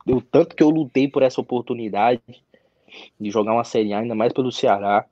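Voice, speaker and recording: Young male athlete guest, mid-pitch, casual halting storyteller; dry, muffled sound. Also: dark tone, no room sound. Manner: halting, repeats words and restarts, frequent tag questions. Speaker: interview guest, professional footballer. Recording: dry, slightly dull audio.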